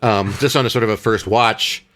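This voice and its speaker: A man with a fairly low voice co-hosts a casual film podcast. He rambles in an easygoing way, restarting sentences and filling pauses with "uh" and "um" as he works out his thoughts. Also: a bit bright, slight background noise. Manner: rambling, hesitant with many fillers and restarts. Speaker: podcast co-host.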